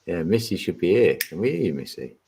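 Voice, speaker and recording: A man hosting a relaxed, informal live chat and talking casually with the others. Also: low-pitched, a little fast, creaky. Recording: faint background noise, clicks.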